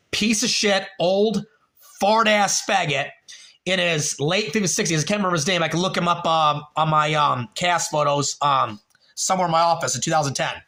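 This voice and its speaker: A man's voice: a little high, sharp tone. A man in his late thirties hosting a livestream, telling a rambling, profane story and talking to chat viewers by name. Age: 30s. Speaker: livestream host.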